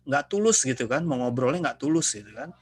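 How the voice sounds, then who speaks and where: A man's voice: mid-range voice, animated, fast talker, breathy edge. A man lecturing students over a video call in a casual, joking, chatty way. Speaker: university lecturer. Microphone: video call computer mic.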